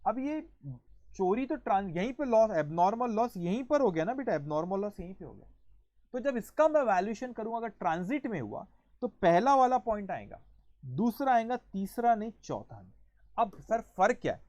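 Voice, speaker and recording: A male accounting teacher giving an online lecture in a lively storytelling manner, going through each point step by step and counting them off aloud. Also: high-pitched, moderate pace, no room sound, muffled recording. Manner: explains step by step, counting points aloud and calling students "beta"; lively storytelling, acting out an example.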